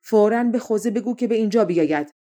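A woman's voice: mid-range voice, warm tone, close to an everyday voice. A woman voicing an old, ugly, impatient king who speaks in formal, commanding tones in a fairy-tale audiobook. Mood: imperious. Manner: commanding, formal royal speech.

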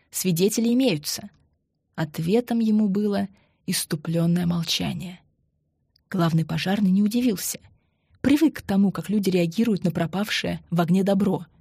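A woman narrating an audiobook in a measured, matter-of-fact way. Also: mid-range voice, darkish tone, slightly rough, no echo, studio quality. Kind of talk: scripted narration.

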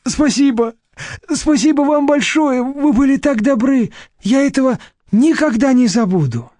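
A man's voice: extremely high pitch, unhurried, dark tone, no echo, studio quality, voice pushed up. A man doing a cringing old museum official. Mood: fawning. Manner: pleading, trembling, servile. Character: aging male museum deputy director, cowardly, fawning.

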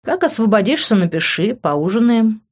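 A woman's voice: a little high, very animated, moderate pace, husky, voice pushed up. Woman doing a flirty charming guy, friendly tone, muffled lo-fi sound.

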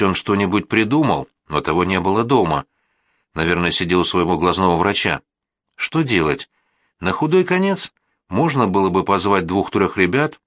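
A man narrating a children's story as an audiobook, in an expressive telling that gives voices to the characters. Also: low voice, no room sound, studio quality.

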